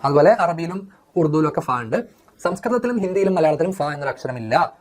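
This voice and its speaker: A lively teacher explains vocabulary in an online lesson. They keep asking questions aloud and then answer them right away, stretching out the key words. The delivery is chatty and explanatory. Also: mid-range voice, fast. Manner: animated, asks and answers own questions. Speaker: Sanskrit teacher.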